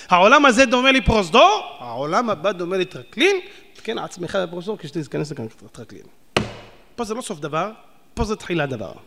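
A man preaching a sermon, animated and firing rhetorical questions at his audience. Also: high voice. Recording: long hall reverb.

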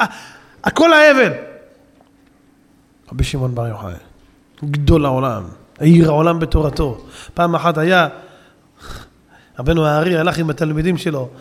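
High-voiced man preaching in an echoing hall. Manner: emphatic storytelling, swings to shouting peaks; addresses audience as "gentlemen". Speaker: rabbi preacher. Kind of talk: Hebrew Torah sermon.

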